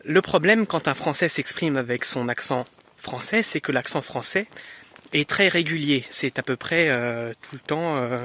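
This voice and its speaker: A man from France talks through a language lesson in an unhurried, off-the-cuff way, stopping often to find his words. His voice sits a little high and sounds bright and forward. He is a young adult teacher. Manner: relaxed, many hesitations. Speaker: French teacher. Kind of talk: casual explanatory lesson.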